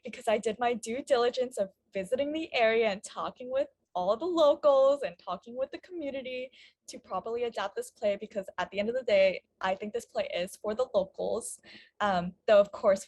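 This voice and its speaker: A woman's voice: fairly high pitch, a little fast, darkish tone, no room sound. A woman from Vietnam, a playwright, talking about her work in a friendly way with many fillers. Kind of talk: interview talk.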